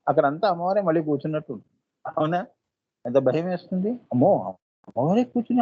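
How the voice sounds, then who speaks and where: A man as a spiritual teacher giving a devotional discourse. He often asks his listeners "right?" and chants seed syllables slowly. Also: sits high, a little mellow, no room sound, muffled recording.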